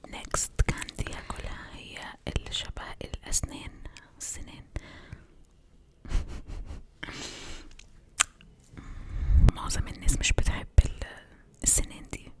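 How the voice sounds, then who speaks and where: A young Egyptian woman doing ASMR in an intimate, breathy whisper, mixing in English words and softly repeating words as triggers.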